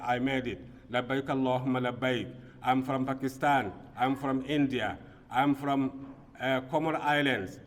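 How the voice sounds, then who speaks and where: A man from Burkina Faso giving a Friday sermon as imam, earnest, swinging between quiet passages and emphatic bursts. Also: medium pitch. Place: mosque prayer hall. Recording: long reverb of a mosque hall.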